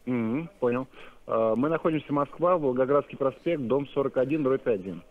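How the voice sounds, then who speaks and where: A man who sells cars speaks at normal speed with a medium-pitched voice during a customer phone call. Heard through a narrow telephone line, he is courteous and explains matters in a businesslike way.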